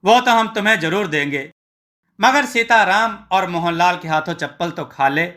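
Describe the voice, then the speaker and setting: A domineering village headman barks orders with open contempt, as a man plays him. His voice is high and bright, and it has a hard edge. This is a storybook tale voice. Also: normal speed. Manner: commanding, contemptuous.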